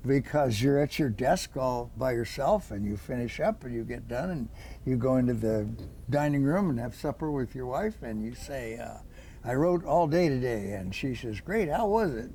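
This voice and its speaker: A man's voice: medium pitch, moderate pace, warm tone, a little hiss or hum. A man in his eighties, an author, answering interview questions with rambling, folksy stories full of quoted dialogue. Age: 80s.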